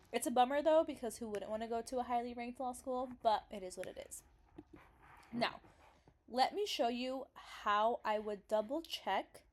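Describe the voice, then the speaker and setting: A young woman with a somewhat high voice walks viewers through a website tutorial in a relaxed, chatty way. She sounds sniffly and run down from a recent cold, and she keeps stopping for fillers as she scrolls. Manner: chatty, hesitant, lots of fillers. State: recovering from illness, sniffly. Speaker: vlogger explaining law school admissions. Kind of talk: casual screen-recorded tutorial.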